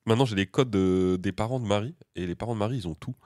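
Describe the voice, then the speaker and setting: Fast-talking French guy, casual podcast chat. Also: lowish voice, a little mellow, no echo, clean studio sound. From France. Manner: slangy, joking, quick-fire opinions. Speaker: podcast co-host.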